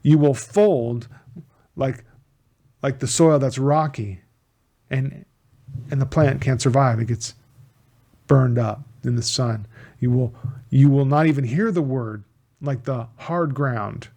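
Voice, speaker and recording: A man's voice: mid-range voice, slow, vocal fry, pauses often, warm tone. Earnest man giving Bible teaching. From United States. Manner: earnest, repeats key words, restarts phrases.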